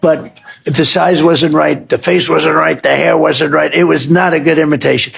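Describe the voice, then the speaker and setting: A man's voice: a little high, fairly even intonation, normal speed, creaky, fairly bright tone, husky, faint music behind. A man telling a rambling story as a guest in a casual interview.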